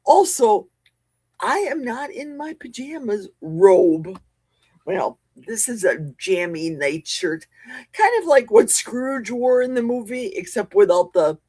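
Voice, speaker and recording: This livestream host is a woman broadcasting casually from her home basement, responding to viewer comments in a chatty, jokey way. She has a mid-range, darkish, husky voice, recorded without echo through a desk mic with a cough button.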